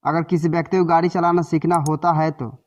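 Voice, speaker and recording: Male book-summary narrator, higher pitch, explanatory, slightly dull lo-fi sound. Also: level tone, fairly quick, darkish tone. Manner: explanatory, with self-corrections.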